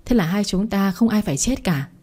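A woman's voice: medium pitch, lively intonation, brisk, dark tone, close to an everyday voice. A woman voicing a frightened young woman who pleads urgently. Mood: pleading.

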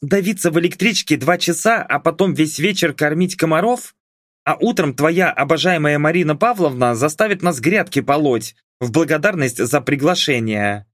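A man's voice: on the high side, animated, moderate pace, fairly bright tone, no echo, pitched above the performer's own voice. A man voicing a young adult daughter who argues with her parents in a dry, sarcastic, reasoning tone. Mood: exasperated.

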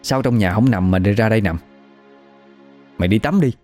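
A man playing a brusque village uncle, urging others along in quick blunt words. The voice stays low and mellow, close to the teller's own. Faint music runs underneath. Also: lightly acted. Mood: urgent.

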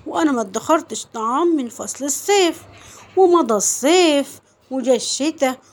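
Woman as a pleading, high-voiced Egyptian cockroach. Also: a little fast. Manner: pleading, flattering. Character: careless hungry male cockroach, pleading with his neighbour. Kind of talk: children's folk tale storytelling.

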